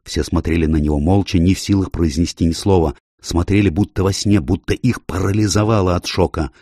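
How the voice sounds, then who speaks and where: A man reading an audiobook aloud with steady, expressive narration. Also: deep voice, brisk, dry recording, clean studio sound.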